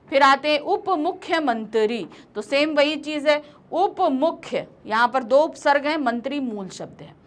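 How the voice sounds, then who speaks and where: A woman teaching a grammar lesson, reading out word lists slowly one word at a time with quick explaining asides. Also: high-pitched, pushed and bright. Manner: slow, deliberate word-by-word dictation with quick asides.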